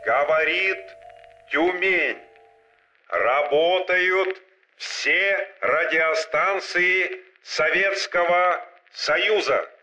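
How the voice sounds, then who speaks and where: A man voicing a booming, solemn state announcer, grave and ceremonial, reading in the style of a 1940s Soviet radio bulletin. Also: bright, forceful tone, full character voice, poor audio. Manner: booming, solemn, deliberate enunciation.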